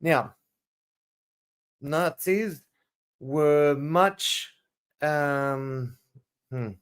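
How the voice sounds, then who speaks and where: A man's voice: a little high, very slow, clear, resonant tone. A man with a mixed South African and Australian accent teaching a casual livestream lesson, rambling and correcting himself as he goes. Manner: rambling, digressive, self-correcting. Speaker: teacher hosting a live study session. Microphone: camera mic.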